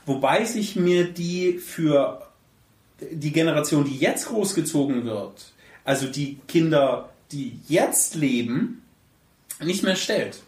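Recorded from a distance in a room with plenty of echo, this male podcast host has a slightly high voice and a slow pace. His delivery is casual yet animated and emphatic, full of blunt colloquial comments.

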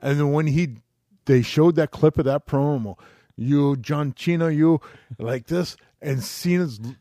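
Male podcast co-host, casual and excitable, swears freely, acts out quotes, dry recording. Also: fairly high pitch, normal speed, no room sound. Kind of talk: casual chat.

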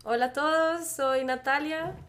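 A woman from Colombia introduces herself as a podcast guest. She sounds cheerful, and her voice is high. She talks in an easy, chatty way. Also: fairly even intonation, a little slow, fairly bright tone. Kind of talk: casual podcast chat.

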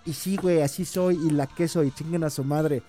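A man's voice: a little high, steady tone, a little fast, mellow, soft background music. A Mexican man hosting a podcast, joking with crude mock rants and teasing. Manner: profane, mock-ranting, teasing. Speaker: podcast host.

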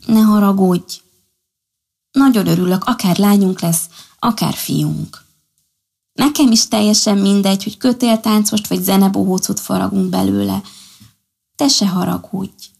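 A woman's voice: medium pitch, vocal fry, long pauses, a little mellow, husky. A woman voicing a male rabbit husband who teases his wife in a storybook. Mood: gentle.

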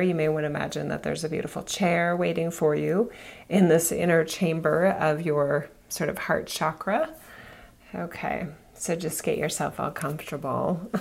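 A woman with a creaky voice hosting informal spiritual talk and guided meditation, gently instructing and soothing, with small asides to her listeners. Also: low-pitched. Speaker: spiritual guide and podcast host.

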